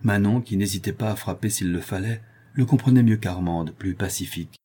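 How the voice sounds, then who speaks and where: Husky, dark-voiced male storyteller. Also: lowish voice. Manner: steady, measured reading. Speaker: audiobook narrator. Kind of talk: scripted narration of a historical novel.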